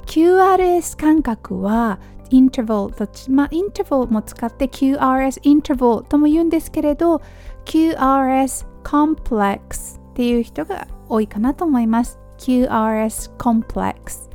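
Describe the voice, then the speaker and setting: A woman hosting a spoken lesson, explaining terms in a friendly teacherly way and slowly modelling words for the listener to repeat. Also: high voice, soft background music. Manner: slow drawn-out model pronunciations between chatty explanations; teacherly, sprinkles soft tag words. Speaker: podcast host teaching medical English.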